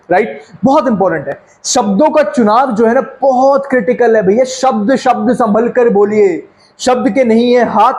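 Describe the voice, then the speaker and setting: A man, teaching a sales lesson in an energetic, fast, conversational way and slipping English phrases into his talk. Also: very high voice, low-quality recording. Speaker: sales coach. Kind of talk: sales training lecture.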